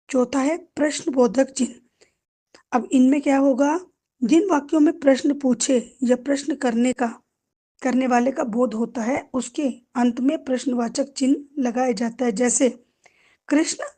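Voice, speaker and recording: A woman's voice: sits high, mellow. A woman teacher giving a grammar lesson to school students, addressing them affectionately as children and answering her own questions. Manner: asks the class questions and answers them herself.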